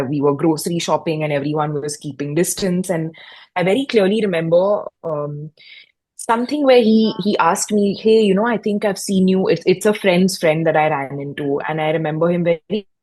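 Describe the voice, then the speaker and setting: A woman's voice: sits low, fairly quick, darkish tone. A young woman, a guest in a fireside chat, reflecting on her own experiences in a personal, storytelling way with frequent restarts. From India. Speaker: guest, mental health podcast host.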